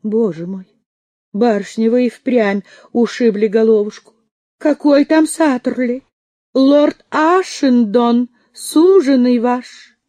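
A woman's voice: a little high, takes it slowly, mellow, no echo, pitched above the performer's own voice. A woman voicing a fussy, tearful young maid who chatters and dotes on her mistress. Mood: gushing. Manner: fretful, doting, chattering.

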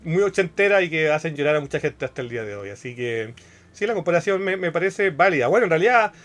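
A man's voice: fairly high pitch, big pitch swings, quick pace, a bit bright. Chatty Chilean podcast host, man. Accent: Chilean Spanish. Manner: chatty, slangy, explains at length. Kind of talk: casual podcast chat.

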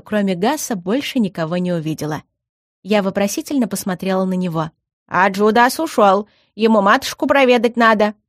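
A woman narrating a fantasy story in the first person as an audiobook reader, in a lively, expressive way. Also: mid-range voice, no room sound, clean studio sound.

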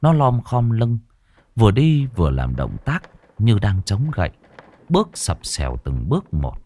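A man narrating a ghost story in a slow, dramatic, suspenseful way. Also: on the low side, huge pitch swings, dark tone. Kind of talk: scripted horror narration.

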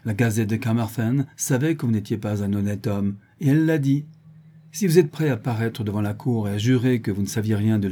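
A stern middle-aged country lawyer, read by a man in an audiobook presses his questions one after another, coldly and without mercy. The voice is warm and mellow, with a husky grain. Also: medium pitch, natural voice. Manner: cold, hammering cross-examination.

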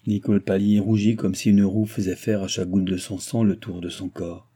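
A man narrating a novel aloud in a calm, measured way. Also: low voice, slightly rough. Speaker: audiobook reader.

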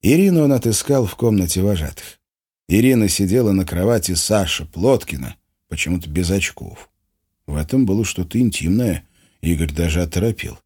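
Deep-ish mellow guy reading a story, wry and lively. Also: breathy edge. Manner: wry, expressive. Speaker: narrator. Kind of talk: audiobook narration.

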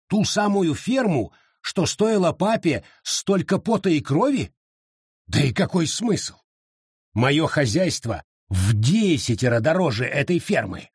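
A man playing a gruff, domineering brother. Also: mid-range voice, dry recording, clean studio sound, full character voice. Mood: offended. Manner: harsh, threatening, scornful. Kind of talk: audiobook reading.

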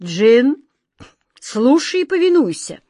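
A woman's voice: on the high side, animated, unhurried, no room sound, clean studio sound. A woman voicing a pompous, easily flustered old king who gives orders in a storybook reading. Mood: commanding. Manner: imperious, whiny, easily flustered. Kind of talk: storybook character voice.

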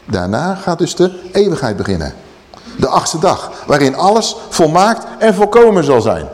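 A man's voice: fairly high pitch, normal speed. A man preaching a sermon emphatically, raising his voice for quoted scripture. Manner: emphatic, lively preaching with raised quoted passages. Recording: long reverb of a hall.

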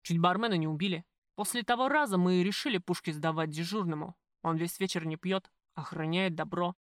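A woman voicing a crude, jealous male mob boss who talks loudly and bossily in an audiobook. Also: lowish voice, a little fast, dry recording, studio quality, lightly acted. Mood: gruff. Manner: loud, coarse, bossy.

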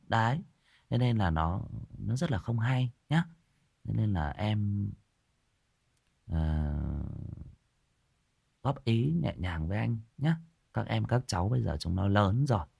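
A man's voice: sits low, creaky, darkish tone, breathy edge. A young man hosting a casual livestream, chatting with viewers and teasing a commenter like an older brother. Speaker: ghost story livestream host.

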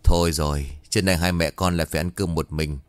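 A man's voice: sits low, steady tone, fast, no echo, pitched below the performer's own voice, natural voice. A male storyteller voicing a young mother who pleads and weeps in a horror audio story, speaking in a raised, strained voice. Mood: weary. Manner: tearful, pleading. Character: young mother, frantic and grieving woman.

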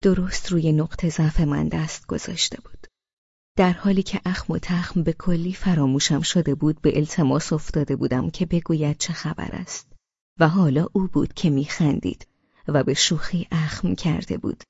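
Woman, audiobook narrator, expressive storytelling, dry close sound, slightly dull. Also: deep voice, gravelly, slightly rough, no room sound. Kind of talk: first-person audiobook narration.

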